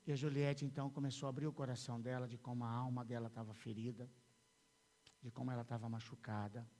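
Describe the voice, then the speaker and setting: A male pastor with a Brazilian accent preaching a sermon in a church, telling a story with many repeated words and swings from hushed to loud. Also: mid-range voice, flat delivery, fast. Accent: Brazilian Portuguese. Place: church sanctuary. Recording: long church hall reverb.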